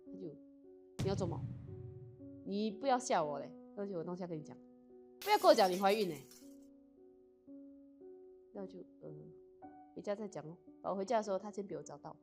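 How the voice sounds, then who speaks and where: A woman's voice: lowish voice, a little mellow. A young woman guest telling a personal story candidly, switching between Mandarin and English mid-sentence.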